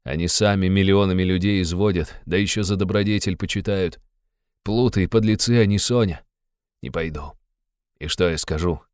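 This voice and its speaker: A man's voice: deep voice, moderate pace, darkish tone, clean tone, dry recording, clean studio sound, natural voice. A man reading an audiobook, playing a tormented young man who confesses in a brooding, agitated way. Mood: bitter. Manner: brooding, agitated, bitterly insistent.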